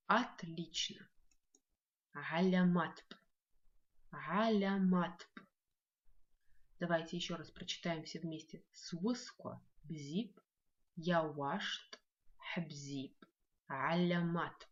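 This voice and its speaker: A woman teaching a language lesson in a video, speaking slowly and patiently and repeating each word for learners to follow. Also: fairly low pitch, muffled recording.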